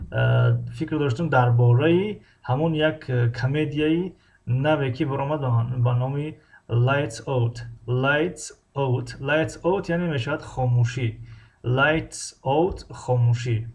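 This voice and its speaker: A gravelly male teacher with a Tajik accent walks through an English dialogue. He reads each English phrase slowly and carefully, then explains it in quick, hesitant bursts. His voice sits a little higher than most men's. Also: darkish tone. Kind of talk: language lesson explaining a dialogue.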